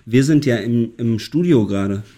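A man's voice: medium pitch, expressive, moderate pace, warm tone. A man, a musician guest in a studio interview, talking casually and searching for words. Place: radio studio.

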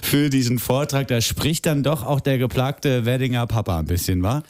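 A man hosting a radio show, brisk and chatty, announcing events and a giveaway. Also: medium pitch, background noise. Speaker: radio host.

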